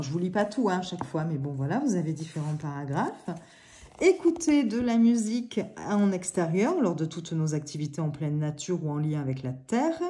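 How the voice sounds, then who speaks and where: A woman with a mellow, low-pitched voice talks through an oracle book and cards in her living room. She chats casually, filling pauses and apologizing now and then. She sounds like she is speaking to a camera on a tripod. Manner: chatty, many fillers and apologies. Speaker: oracle card reviewer. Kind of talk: casual product review.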